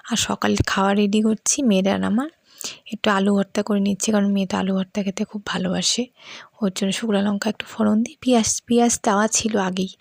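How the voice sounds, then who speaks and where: Give me a middle-aged woman with a Bengali accent, speaking in a gravelly whisper, chatty and warm. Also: mid-range voice, no room sound. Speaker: vlogger. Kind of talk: whispered voice-over. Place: recorded at night indoors.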